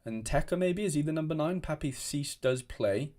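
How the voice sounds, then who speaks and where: Casual livestream chat comes from a young man from Wales at a desk in his home, who rambles with many restarts while replying to viewers. His voice is on the high side and darkish in tone, with lively intonation and a moderate pace.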